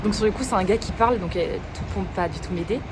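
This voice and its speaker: Out and about in streets and a station, a young woman from France films a casual travel vlog, rambling through stories with some casual swearing. She talks fast in a mid-range voice, with traffic noise and background music around her.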